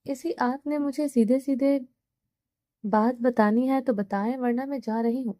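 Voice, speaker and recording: A woman's voice: sits high, steady tone, mellow, dry recording, studio quality, close to an everyday voice. A woman voicing a proud, defiant young wife in an audio novel, stubborn and spirited.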